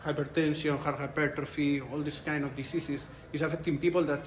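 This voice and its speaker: Answering conference interview questions in a thoughtful way, the Spanish researcher, in his forties, restarts phrases often while speaking accented English. He talks a little fast in a slightly high voice with a flat delivery. The echoey room carries light ambience and a faint hiss or hum.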